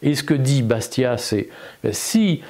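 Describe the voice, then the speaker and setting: A man's voice: mid-range voice, expressive, measured pace, mellow. Man giving an unscripted, argumentative commentary. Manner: unscripted, many fillers and repeated words; emphatic and argumentative. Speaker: political commentator. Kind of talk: spoken video commentary.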